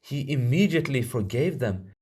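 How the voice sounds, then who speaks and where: Here a medium-pitched, husky male voice narrates a children's storybook, taking a careful, expressive storytelling approach.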